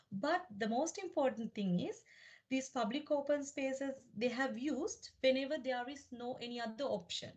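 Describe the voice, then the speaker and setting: A woman from Sri Lanka giving an academic lecture about her doctoral research, speaking in a measured, explanatory way with frequent fillers and restarts. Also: fairly high pitch.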